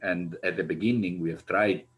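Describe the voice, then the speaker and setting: Deep-voiced man with halting delivery. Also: steady tone. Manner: measured, many drawn-out fillers. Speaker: panelist, wetland engineer. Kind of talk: conference panel discussion. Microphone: video call.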